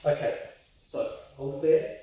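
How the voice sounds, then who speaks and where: A man leading a drama workshop, calmly giving movement instructions with pauses, recorded from a distance in an echoey room. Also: fairly high pitch. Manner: calm, guiding instructions with pauses.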